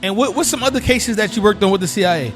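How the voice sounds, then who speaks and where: A man's voice: sits high, lively intonation, rapid-fire, loud music behind the voice. A man from New York hosting a casual interview, laid-back and affirming. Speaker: host, DJ.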